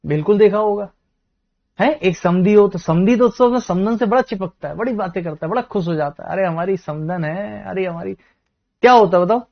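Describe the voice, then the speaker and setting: A man's voice: sits high, brisk, highs cut off. A male teacher giving a live online class, talking to his students in a chatty way and often asking the class questions, then answering them himself.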